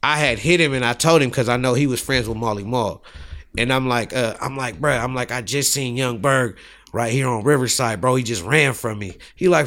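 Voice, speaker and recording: A man's voice: medium pitch, fairly bright tone. Laid-back man telling a story. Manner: laid-back, loose storytelling full of fillers. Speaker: podcast guest, rapper. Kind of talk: casual storytelling chat.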